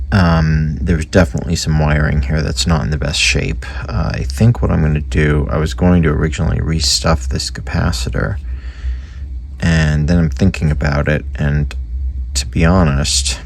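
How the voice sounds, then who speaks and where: With a gravelly bass voice edged with breath, a man hobbyist walks through radio repairs in an offhand, unscripted workbench explanation. His talk rambles but stays conversational and matter-of-fact.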